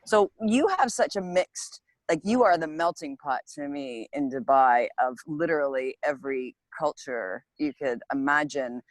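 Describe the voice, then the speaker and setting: A woman's voice: sits low, moderate pace, hardly any pauses, no room sound, poor audio. A woman hosting a casual group video chat, introducing a guest with enthusiastic, effusive praise. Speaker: host.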